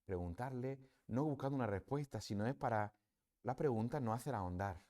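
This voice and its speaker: A man's voice: mid-range voice, lively intonation, fairly quick, dark tone. A man with a Spanish accent giving a parish talk on prayer, conversational and reflective, often adding tag questions. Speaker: priest. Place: parish hall or church.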